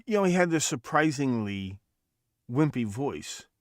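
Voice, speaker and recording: A man's voice: mid-range voice, sing-song, unhurried, no room sound, clean studio sound. A man hosting a podcast livestream in casual chat, rambling and profane, often restarting his sentences. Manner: rambling, profane, self-correcting. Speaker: podcast host.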